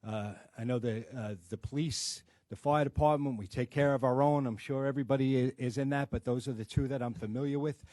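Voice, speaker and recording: A man's voice: medium pitch, steady tone, a little fast, hardly any pauses, dark tone, no echo. Plainspoken Brooklyn-accented union man. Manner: plainspoken, many fillers and restarts. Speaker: firefighters' union president. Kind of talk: press conference speech.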